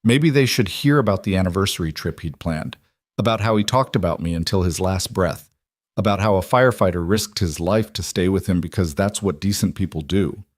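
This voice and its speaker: A man voicing a weary, grieving young widow in a storybook reading, in his own low, dry voice. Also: fairly quick, dry recording. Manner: tired, pleading.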